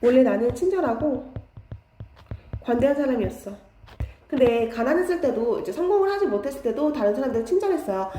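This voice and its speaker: A woman teaches English grammar in a fairly high, mellow voice. She goes slowly and patiently, restating each phrase in simpler words. The room gives her voice a noticeable echo. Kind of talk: online grammar lecture.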